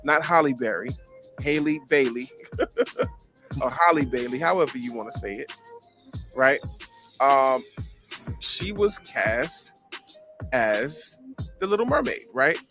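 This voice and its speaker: A man hosting a casual talk show, speaking in an animated way and often checking in with "right?", with some music behind him. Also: medium pitch, takes it slowly, pauses often. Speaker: podcast host. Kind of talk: casual chat.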